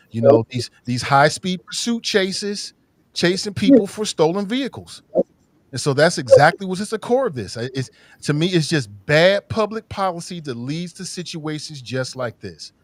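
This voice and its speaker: A man's voice: a little high, no echo. Male podcast host on livestream headset audio, dry and close, a bit under the weather, rambling and outspoken. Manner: rambling, repeats words, frank opinions. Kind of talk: casual livestream commentary.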